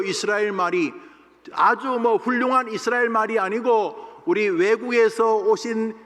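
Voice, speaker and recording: A man with a strikingly high voice delivers a Sunday sermon from the pulpit. He tells the Bible story in an animated way and reads scripture aloud. His words ring out through a large sanctuary with a long, lingering reverb. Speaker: senior pastor. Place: church sanctuary.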